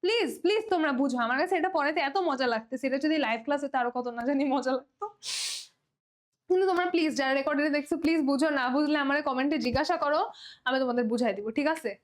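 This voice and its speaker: A young female teacher with a Bangladeshi Bengali accent runs an online exam-prep lesson in a high, rapid-fire voice. Playful and teasing, she pleads with her students to understand and mixes in English words.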